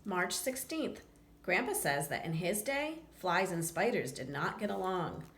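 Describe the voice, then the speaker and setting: At a measured pace and fairly low pitch, a woman reads a picture book aloud to young listeners. She performs the lines expressively, now and then breaking off to chat casually with them. The space sounds echoey, with a faint background hum of noise.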